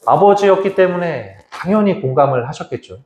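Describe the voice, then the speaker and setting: Priest in an echoey hall. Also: male voice, high-pitched, expressive, brisk, dull audio, a little hiss or hum. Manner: conversational, vividly retelling with quoted voices. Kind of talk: Lenten lecture, storytelling.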